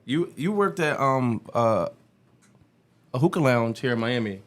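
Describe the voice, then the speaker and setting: A man hosting a casual interview, asking teasing, joking questions with lots of halting restarts. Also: medium pitch, lively intonation. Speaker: podcast host.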